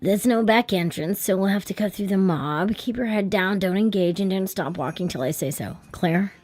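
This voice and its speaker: Woman putting on a hoarse, bossy smoker. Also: mid-range voice, normal speed, darkish tone, soft background music, natural voice. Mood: curt. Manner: curt, aggressive orders. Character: neurotic, bossy older woman agent with a smoker's voice. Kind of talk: audiobook dialogue.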